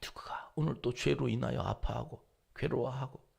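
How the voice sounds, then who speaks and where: A male pastor giving an early-morning sermon, dramatic, dropping to hushed whispers and rising to loud emphasis. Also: medium pitch, normal speed, gravelly, slightly rough. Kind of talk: dawn service sermon.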